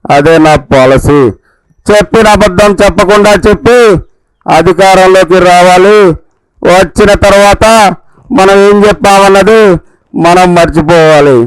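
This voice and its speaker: Man playing a high-pitched scheming veteran politician. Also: unhurried, pauses often, clear, resonant tone, dry recording, poor audio. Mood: smug, scheming. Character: cynical, scheming veteran male politician lecturing a junior ally. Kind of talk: satirical street play.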